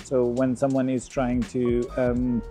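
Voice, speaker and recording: A middle-aged man explaining motorcycle security in a casual vlog, outdoors on a residential street, pausing often with ums and uhs. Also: mid-range voice, completely flat delivery, mellow, faint music behind. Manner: hesitant, many ums and uhs. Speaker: motorcycle vlogger.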